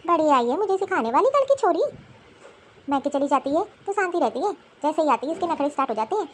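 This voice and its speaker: A woman voicing a nagging, scolding old mother-in-law in an animated cartoon. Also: sits high, fast, slight background noise. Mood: grumbling.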